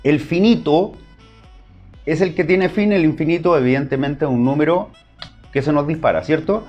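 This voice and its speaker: A man's voice: on the high side, normal speed, darkish tone, highs cut off, faint music behind. A man with a Chilean accent teaching an online math class, explaining step by step and checking in with short questions.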